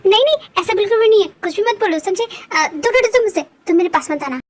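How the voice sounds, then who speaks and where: A woman voicing a jealous, sharp-tongued schoolgirl in a fan dub, who talks in a sarcastic, huffy way. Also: very high-pitched, lively intonation, fast talker.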